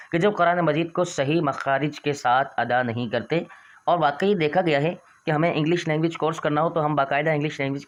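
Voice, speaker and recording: A man with a fairly high-pitched voice teaches an online Quran reading lesson, patiently explaining and repeating letter sounds in an earnest, exhorting way.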